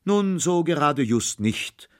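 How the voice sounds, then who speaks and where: A man's voice: a little high, big pitch swings, takes it slowly, no echo, studio quality, voice pushed up. A man voicing a poor, frightened young charcoal burner who talks in a raised, nervous voice. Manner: raised, nervous, trembling bravado.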